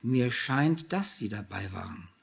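A man voicing an earnest, self-assured young man who speaks calmly and directly. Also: medium pitch, measured pace, vocal fry, husky, heavily acted.

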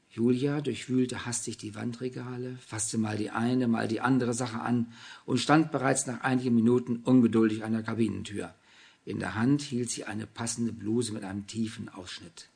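Gravelly, husky male narrator. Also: medium pitch, a little mellow. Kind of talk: audiobook narration.

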